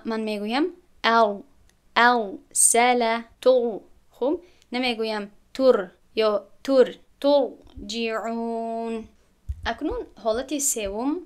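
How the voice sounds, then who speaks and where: A woman with a Tajik accent teaching Quran recitation rules step by step, asking rhetorical questions and slowly chanting the example words. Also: on the high side, clear, resonant tone. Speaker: tajwid teacher.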